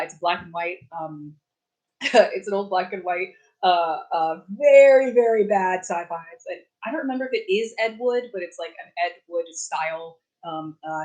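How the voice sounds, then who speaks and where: A woman's voice: fairly low pitch, rough recording. A young adult woman hosting a casual live stream from her apartment, chatting in a rambling way with many fillers and restarts. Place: warm apartment.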